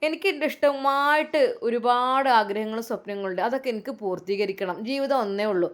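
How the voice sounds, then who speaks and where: A woman's voice: fairly high pitch, a little fast, close to an everyday voice. A woman playing defiant young Zeenath. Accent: Malappuram Malayalam. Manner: defiant, insistent.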